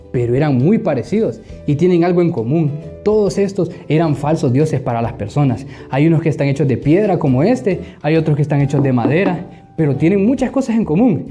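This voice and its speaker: Animated man telling a children's Bible story. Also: fairly high pitch. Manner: animated, asking the children questions often. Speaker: children's Bible school teacher.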